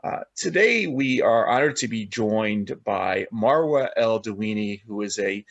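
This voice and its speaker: A man's voice: on the low side, animated, a little slow, no room sound, highs cut off. A man hosting an interview podcast, introducing a guest with many filler uhs. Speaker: podcast host.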